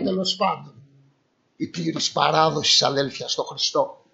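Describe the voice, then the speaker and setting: A man's voice: extremely high pitch, vocal fry, a bit bright, highs cut off. A middle-aged male preacher giving a sermon, reading scripture aloud and answering his own rhetorical questions. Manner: reads scripture aloud then explains it. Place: church hall.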